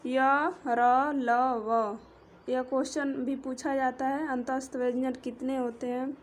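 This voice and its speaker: A woman teacher giving a grammar lesson, explaining slowly and counting out letters one by one. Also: high-pitched, little pitch movement, darkish tone. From India. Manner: slow, drawn-out, explanatory, counting letters aloud.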